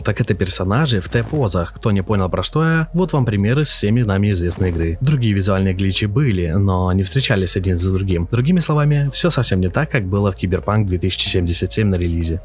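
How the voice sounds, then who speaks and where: A man's voice: deep voice, a little mellow. A man narrating a scripted, opinionated video essay as a game reviewer. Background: faint music.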